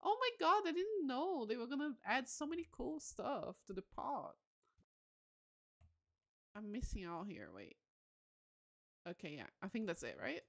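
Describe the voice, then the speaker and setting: A woman live-streams a game, chatting casually with her viewers in an excitable, informal way. She gushes and exclaims often about what she sees, her pitch swinging widely and expressively, yet her pace is measured with long pauses.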